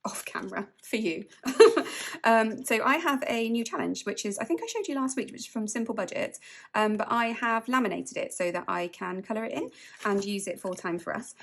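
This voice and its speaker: A woman's voice: a little high, moderate pace, vocal fry. Chatty woman counting cash aloud. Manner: chatty, counts money aloud, laughs often. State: spaced out from medication. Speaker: budgeting vlogger. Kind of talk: casual chat while cash stuffing.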